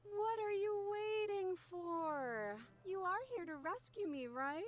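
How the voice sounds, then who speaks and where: High-pitched cartoon princess, edgy and captive. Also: female voice, lively intonation, unhurried. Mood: urgent. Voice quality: edgy, grating under the sweetness. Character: captive princess in chains, pleading with an edge of menace.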